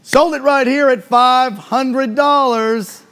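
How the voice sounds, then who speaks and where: A man working as a charity auctioneer, calling bids live in an urgent rapid-fire chant of repeated numbers with exhorting patter. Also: very high-pitched, steady tone, a bit bright, clear, resonant tone.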